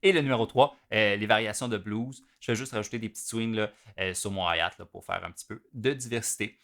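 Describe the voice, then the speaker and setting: A man's voice: on the low side, fairly quick, creaky, a bit bright. A man with a Québécois French accent, a drum teacher explaining rhythms step by step and counting the beats aloud. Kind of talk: instructional video explanation.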